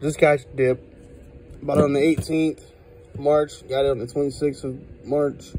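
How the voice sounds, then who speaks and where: Exasperated man with a mellow, higher voice. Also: flat delivery, a little slow, slight background noise, low-quality recording. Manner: blunt, heavily profane, exasperated. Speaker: product reviewer. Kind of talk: casual handheld video rant. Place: indoors at a desk. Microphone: handheld phone.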